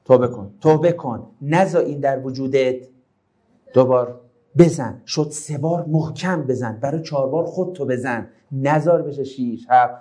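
A man teaching a Quranic lesson to a class, reciting Arabic verses and explaining them, his delivery swinging between quiet asides and raised exclamations. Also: medium pitch, slightly rough. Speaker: religious teacher.

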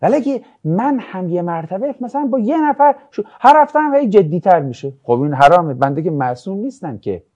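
A man's voice: high-pitched, few pauses, highs cut off. A man teaching a religious ethics class, lecturing casually and acting out anecdotes with jokes. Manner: lively, jokey, acts out anecdotes.

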